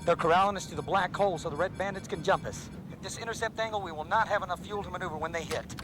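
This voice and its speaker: Male actor as folksy cocky space fighter colonel, high swooping voice, loud music and engine rumble. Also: rapid-fire, natural voice. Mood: commanding. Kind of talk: television science fiction drama acting.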